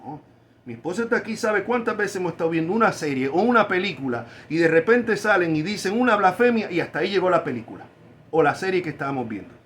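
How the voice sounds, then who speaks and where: A man preaching a sermon, stressing key words by drawing them out slowly. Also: high voice, lively intonation, a bit bright, slight background noise. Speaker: pastor.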